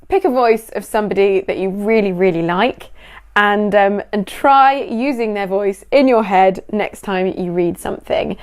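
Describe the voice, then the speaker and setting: A woman's voice: medium pitch, a little mellow. A woman speaking to camera as a teacher, chatty and laughing lightly between points. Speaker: English teacher. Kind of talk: direct-to-camera lesson.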